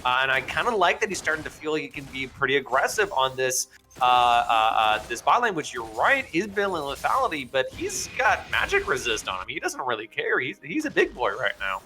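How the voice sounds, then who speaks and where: A man doing play-by-play commentary on an esports match, excitable and speeding up as fights break out. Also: a little fast, soft background music. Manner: excitable, speeds up and rises in pitch during fights. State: has the hiccups. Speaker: play-by-play caster.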